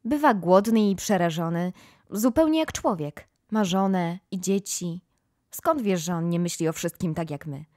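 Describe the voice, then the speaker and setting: A woman's voice: fairly low pitch, normal speed, darkish tone, dry recording, clean studio sound, lightly acted. A woman voicing dreamy imaginative girl. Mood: earnest. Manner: dreamy, playful storytelling tone. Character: imaginative, kind young girl. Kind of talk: audiobook reading.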